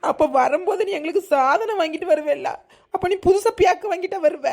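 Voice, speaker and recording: A theatrical, teary village wife, played by a woman, speaks with a Kanyakumari Tamil accent. Her voice is high and she complains with mock sorrow. It suits a rustic comedy sketch. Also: fairly quick, vocal fry, a little mellow. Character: melodramatic wife seeing husband off abroad.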